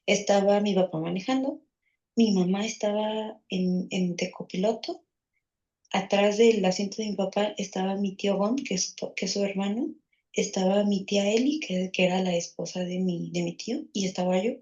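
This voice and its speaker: A woman's voice: mid-range voice, steady tone, moderate pace, darkish tone, muffled recording. A woman with a Mexican accent recounting a childhood memory, rambling with many fillers and restarts. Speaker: guest in a therapy session. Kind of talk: personal storytelling.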